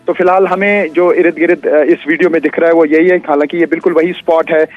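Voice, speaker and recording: A man's voice: on the high side, steady tone. Man reporting over a dull phone line. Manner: measured, explanatory, frequent "uh" fillers. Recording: muffled dry phone line.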